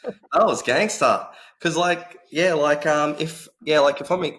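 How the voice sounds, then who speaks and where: A man who coaches martial arts, co-hosting a podcast and chatting in a relaxed way, full of "like" and "yeah". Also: a little high, unhurried. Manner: relaxed, chatty, lots of "like" fillers. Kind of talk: casual podcast chat.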